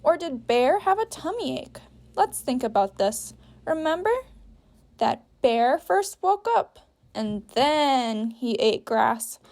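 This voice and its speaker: This high-pitched, sing-song female voice moves slowly and carries a slight mellowness. As a teacher, she leads young children step by step through a story activity, asking guiding questions and keeping her sentences simple and patient, read-aloud style.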